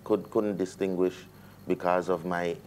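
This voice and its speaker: In a TV studio interview, a reggae artist in his thirties from the US Virgin Islands chats loosely and hesitantly, dropping in lots of fillers. His low, slightly slow voice carries a Jamaican-influenced Caribbean English accent, with a faint hiss or hum on the recording. He sounds relaxed throughout.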